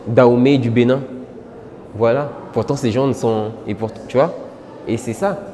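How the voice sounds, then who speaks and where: A man's voice: medium pitch, steady tone, normal speed, dark tone, big-room sound, a little hiss or hum. A man from French Guiana in a casual interview, earnest, with many filler words and restarts. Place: indoor exhibition gallery.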